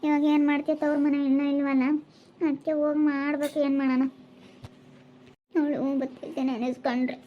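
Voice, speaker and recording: Casting: high fast-talking woman, dull lo-fi sound. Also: little pitch movement, slight background noise. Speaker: young wife in a family drama. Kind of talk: home-made village drama acting.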